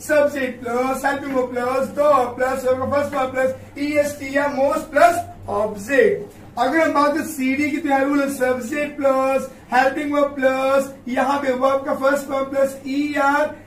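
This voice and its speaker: A man's voice: very high-pitched, steady tone, normal speed. A male grammar teacher, giving a classroom-style lesson, repeatedly calling his students kids and answering his own questions. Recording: echoey room, voice far from mic, faint background noise.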